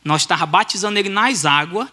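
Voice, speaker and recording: A man preaching a story-driven sermon, lively and acting out the dialogue. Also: high voice, fairly quick, noisy background.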